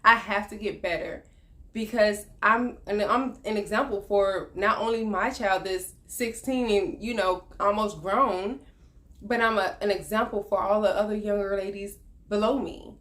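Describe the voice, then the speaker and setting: A woman's voice: medium pitch, steady tone, measured pace, a bit bright. A woman in her thirties talking earnestly about her life in a personal vlog, reflective and loose, with many fillers. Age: 30s. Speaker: vlogger.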